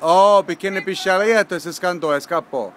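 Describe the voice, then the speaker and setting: A man's voice: sits high, moderate pace, a bit bright, slight background noise. A man with a Sicilian accent speaking Sicilian dialect in casual, teasing chat to a dog, sometimes slipping into broken English.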